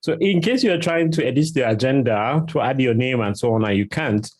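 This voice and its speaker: A man hosting an online community meeting, talking in a relaxed way with many fillers over a video call. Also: mid-range voice, brisk. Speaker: host.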